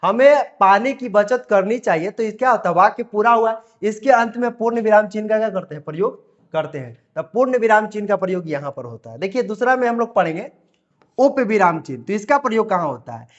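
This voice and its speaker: High-voiced teacher, lo-fi. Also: male voice, lively intonation. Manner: repeats phrases, reads examples slowly word by word. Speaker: Hindi grammar teacher. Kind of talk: classroom lesson explanation.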